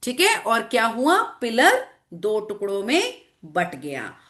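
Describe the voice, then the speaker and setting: An animated woman teacher tells a scripture story to children over an online class. Her voice is bright and fairly high, and it leaps around a lot as she repeats phrases and checks that they follow. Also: slow. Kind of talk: storytelling lesson to children with slides.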